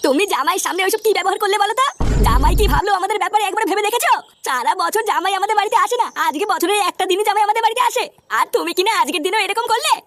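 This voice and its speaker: A woman doing a shrill nagging cartoon mother. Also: expressive, rapid-fire, fairly bright tone. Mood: bickering. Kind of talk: cartoon voice acting. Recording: cartoon dub with music behind.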